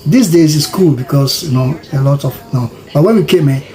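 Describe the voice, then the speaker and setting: A man from Africa, giving casual commentary in an animated, preachy way that repeats itself. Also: a little high, a little fast, rough recording.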